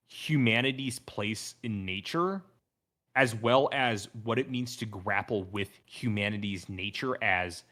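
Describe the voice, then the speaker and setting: A man with a lowish voice hosts a casual podcast review. He speaks earnestly and with enthusiasm, spinning out wordy, analytical thoughts in an informal way. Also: a bit bright. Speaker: podcast host.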